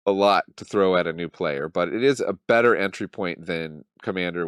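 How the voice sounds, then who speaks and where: A deep, clear, resonant voice belongs to a thirty-something host of a casual commentary channel who has a cold. Loose and wry, he muses aloud mock-dramatically with many ums, in studio quality and with no echo.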